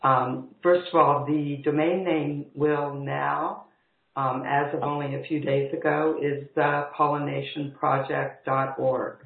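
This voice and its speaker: A man's voice: a little high, little pitch movement, unhurried, creaky. A man calling in over an internet video call, sounding like he is in a cave, speaking earnestly and giving practical advice. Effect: cave-like echo on the voice. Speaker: call-in participant. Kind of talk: casual conversation. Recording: echoey, tinny internet call line.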